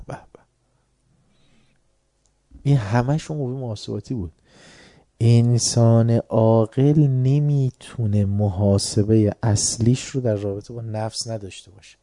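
A man's voice: mid-range voice, dark tone, no echo, studio quality. A man giving an informal religious talk to an audience, conversational and joking, often mimicking other people's voices. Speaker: religious lecturer.

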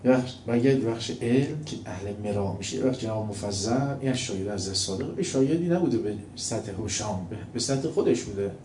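A man preaching a sermon with told stories, swinging between loud mocking and quiet, calm storytelling. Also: fairly low pitch, few pauses, a little hiss or hum. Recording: echoey room, faint ambience.

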